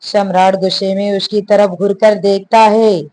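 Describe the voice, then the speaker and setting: A woman narrating a romance story in a measured, even reading. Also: medium pitch, poor audio.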